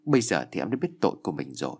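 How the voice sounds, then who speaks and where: A terrified young woman cries out and begs for mercy, as a man reads her part. Her husky voice swings widely in pitch. She sounds like a frightened daughter in an audio ghost story. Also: very animated, fairly quick. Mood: pleading. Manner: crying, begging.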